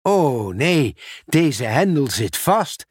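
Guy doing a friendly eager postman from a kids' story, slow and bouncy, dry close mic. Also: on the high side, very animated, slightly rough, no room sound, exaggerated voice. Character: cheerful, dutiful male postman.

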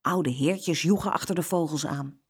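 A woman reading a children's story aloud with an expressive, lively delivery. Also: deep voice, normal speed, husky.

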